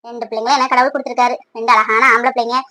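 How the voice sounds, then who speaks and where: Woman voicing a middle-aged cartoon mother, pleading, nagging, emotional, high voice, dry close sound. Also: flat delivery, racing, pushed and bright, no room sound. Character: worried middle-aged village mother of two sons. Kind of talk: cartoon voice acting.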